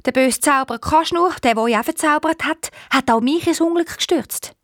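A woman with a Swiss German accent voicing a sorrowful young princess who was turned into an owl, speaking in a hoarse voice. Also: high-pitched, a little fast, dry recording, clean studio sound, voice pushed up, close to an everyday voice. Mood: plaintive.

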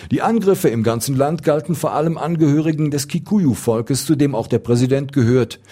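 Male correspondent, mellow tone, measured news read, steady and serious. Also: mid-range voice. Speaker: foreign correspondent. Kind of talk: radio news report.

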